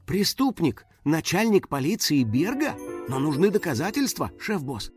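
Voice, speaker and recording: A man's voice: fairly high pitch, very animated, normal speed, soft background music, pitched above the performer's own voice. A man voicing an eager little female house spirit who defers to her boss.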